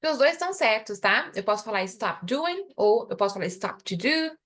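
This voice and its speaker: A young adult woman with a Brazilian Portuguese accent, teaching an English lesson live online. She explains in Portuguese and says the English example phrases slowly and carefully. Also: a little high, very animated, fairly bright tone.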